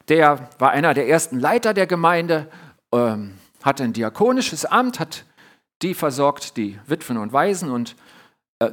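A man preaching a sermon, addressing his listeners warmly and retelling Bible scenes with dramatic pauses. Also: a little high. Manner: earnest, addresses listeners directly as "ihr Lieben"; retells Bible scenes with quoted lines and dramatic drops in volume.

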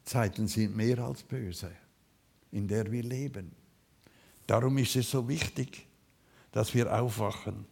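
A man preaching a sermon, fervent, swinging between loud calls and quiet asides. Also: medium pitch, slow pace, vocal fry, long pauses, breathy edge.

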